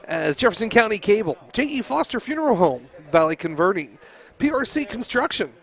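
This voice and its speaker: Man, sports commentator, high voice, gravelly, chatty, laughs often, local football broadcast. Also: very animated, fairly quick, a bit bright.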